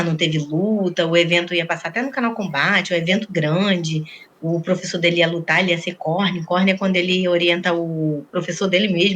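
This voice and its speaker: A woman's voice: mid-range voice, fairly bright tone, a little hiss or hum. A woman giving an interview, recounting a painful personal story and acting out the quoted dialogue. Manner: rapid, acts out quoted dialogue. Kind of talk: emotional personal account.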